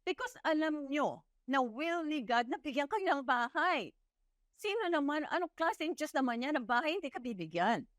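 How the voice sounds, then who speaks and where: A woman preacher with a Filipino accent giving a sermon, telling stories with lively delivery and asking her listeners questions. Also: sits high, moderate pace, no echo, studio quality. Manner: lively storytelling, mixing English into Filipino, quizzing the audience.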